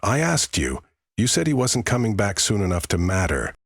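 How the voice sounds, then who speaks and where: A man's voice: lowish voice, very animated, normal speed, vocal fry, slightly rough, dry recording, clean studio sound, voice pushed up, heavily acted. A man voicing an old widowed woman neighbor who confronts someone with rising, accusing questions.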